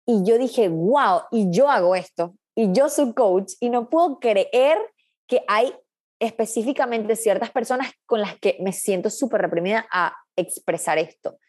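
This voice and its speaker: A woman's voice: a little high, a little slow, darkish tone. A woman coach, a guest in a casual interview, talking in an earnest, reflective way with frequent restarts.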